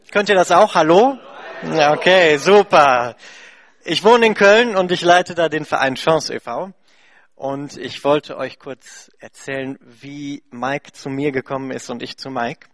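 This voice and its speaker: A man's voice: medium pitch, dry recording. Chatty German man in a dry sound. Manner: lively, chatty storytelling with many fillers. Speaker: charity head and interpreter. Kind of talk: speaking to a church congregation.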